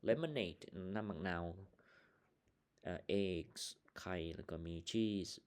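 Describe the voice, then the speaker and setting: A male English teacher with a Lao accent, slowly explaining vocabulary and sample answers in a casual online lesson, with plenty of fillers. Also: lowish voice, expressive. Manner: slow, explaining words one by one with many fillers.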